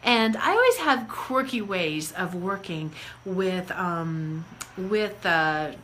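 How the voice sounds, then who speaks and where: A woman life coach giving a casual live-stream talk, expressive and playful, swinging between soft asides and loud bursts. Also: lowish voice, takes it slowly, slight background noise. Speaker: life coach and energy healer.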